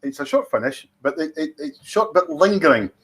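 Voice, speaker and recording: A man's voice: on the high side, big pitch swings, moderate pace, a bit bright. A Scottish man hosting a whisky tasting, talking in a chatty, teasing way and savouring his descriptions. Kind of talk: casual tasting commentary.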